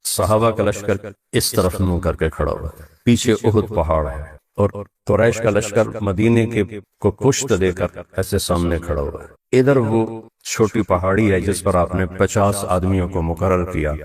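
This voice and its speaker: A low-voiced man delivers a storytelling sermon, slipping between narration, quoted dialogue and recited Arabic verses. His voice sits some distance from the microphone. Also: measured pace. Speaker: preacher.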